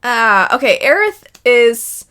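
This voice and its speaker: Animated, bright-voiced woman chatting casually. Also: a little high, takes it slowly, clear, resonant tone. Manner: wavering, thinking aloud, self-deprecating. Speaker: video host. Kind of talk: casual chat, playing a pick-one game about video game characters.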